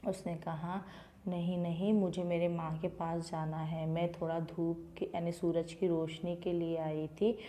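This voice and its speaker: A woman teacher reads a story to schoolchildren and then explains each line in plain words. Her voice sits fairly low and sounds mellow and relaxed. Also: measured pace. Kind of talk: reading a Hindi textbook lesson aloud and explaining it to children.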